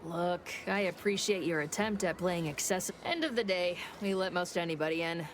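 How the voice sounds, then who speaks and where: A woman playing a brisk, wry trooper in a video game, greeting newcomers with sardonic official patter. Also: fairly low pitch, natural voice. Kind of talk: scripted video game dialogue. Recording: music behind the voice.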